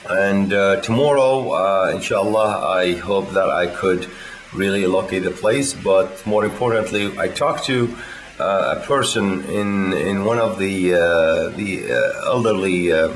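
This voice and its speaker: A man from Iraq, talking in a casual video diary, halting and full of filler sounds. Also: low voice. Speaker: vlogger.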